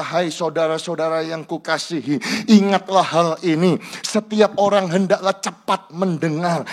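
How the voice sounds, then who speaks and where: High-voiced pastor preaching big swings. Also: male voice. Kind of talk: sermon. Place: church sanctuary.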